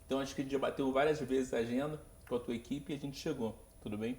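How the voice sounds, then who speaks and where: A man from hosting a casual podcast interview, telling stories in an animated way and acting out the scenes. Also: quick pace, reverberant. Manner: animated storyteller, acts out scenes with big pitch jumps. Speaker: podcast host.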